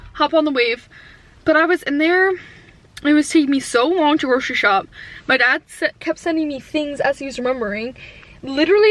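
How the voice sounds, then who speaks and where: Young woman vlogger, high voice, jittery chatty first-timer, camera held in hand in her car. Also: a bit bright. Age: 20s. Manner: nervous, giggly, rambling with many likes. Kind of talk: casual vlog chat.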